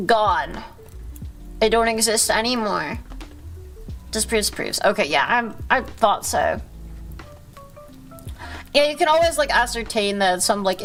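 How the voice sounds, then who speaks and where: A woman hosting a casual livestream, chatting with viewers in a rambling, halting, slangy way with frequent self-interruptions and swearing. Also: on the high side, a bit bright. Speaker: livestream host.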